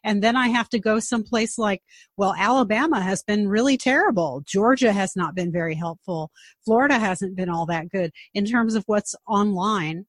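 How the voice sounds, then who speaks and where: A woman's voice: mid-range voice, normal speed, dry recording. Woman, close and dry. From Long Island, New York. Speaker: interviewer, genealogist. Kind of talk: conversational interview.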